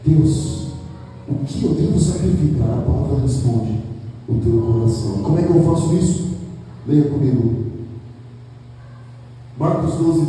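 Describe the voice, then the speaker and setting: Male pastor, emphatic sermon delivery, dark tone, distant mic in a reverberant hall. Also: a little high. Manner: preaching with rising emphatic peaks and rhetorical questions. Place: church hall. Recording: echoey church hall, mic at a distance, soft music.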